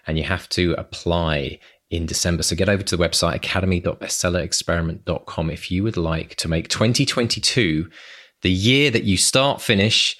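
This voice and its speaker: A man with a fairly low voice co-hosts a podcast. He talks in a casual, conversational style, with effusive phrasing. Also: brisk, fairly bright tone. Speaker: podcast co-host. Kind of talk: casual chat.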